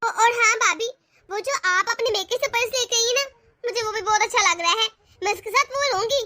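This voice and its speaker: A woman voicing a spoiled, eager young college girl in an animated family cartoon, wheedling to get her way. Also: very high-pitched, brisk, no room sound.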